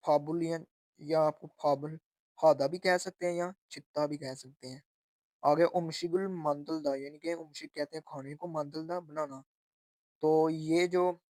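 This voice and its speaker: A man teaching textbook vocabulary, slowly repeating each word and its meaning. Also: on the high side, darkish tone, no echo, clean studio sound. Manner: slow and repetitive, spelling out sounds and meanings. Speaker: language teacher.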